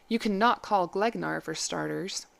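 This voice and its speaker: Eine Frau als ängstliche junge entlaufene Sklavin. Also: female voice, lowish voice, measured pace, creaky. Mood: anxious. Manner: anxious, blurting. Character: frightened young runaway slave woman.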